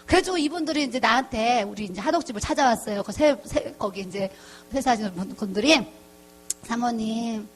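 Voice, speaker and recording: A woman's voice: a little high, lively intonation, fast, slight background noise. A middle-aged woman pastor giving a chatty testimony sermon, acting out the voices of the people in her story. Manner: chatty storytelling, acts out quoted voices, laughs often.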